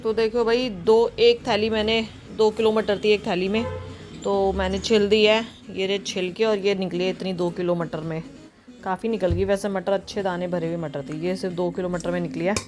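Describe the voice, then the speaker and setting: A woman's voice: medium pitch, level tone, normal speed, darkish tone, faint music behind. A young woman chatting casually in a home vlog, cooing now and then to her pet dog. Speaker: vlogger. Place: at home indoors.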